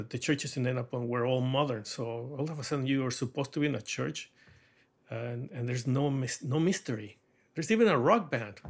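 A middle-aged Mexican artist with a Mexican accent speaks thoughtfully in a documentary interview. His voice is medium-pitched and creaky, and he often pauses, using fillers and soft laughs.

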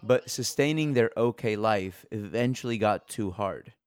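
A man reporting and hosting, telling a documentary story in a steady, earnest way. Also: fairly low pitch, a little slow. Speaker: podcast reporter and host. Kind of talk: documentary podcast narration.

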